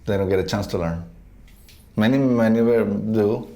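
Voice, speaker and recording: A facilities and safety technician and staff trainer in his late thirties, with a Mexican accent, tells his own story haltingly and reflectively for a training film. His voice is on the low side. Soft plucked guitar music plays behind him.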